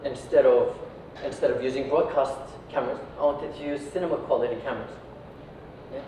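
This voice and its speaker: An Iraqi company founder gives a casual, chatty talk to an audience, sprinkling in tag questions like "right" and "yeah." His voice is medium-pitched and mellow, with fairly even intonation and a brisk pace. He's recorded from a distance in an echoey indoor venue, and the audio sounds dull with faint noise.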